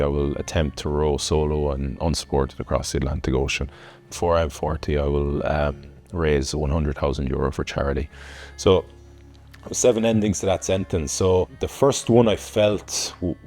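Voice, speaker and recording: An Irish man, a former rugby player, speaking earnestly and reflectively in a documentary interview, with many pauses and ums. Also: rumbling low, darkish tone.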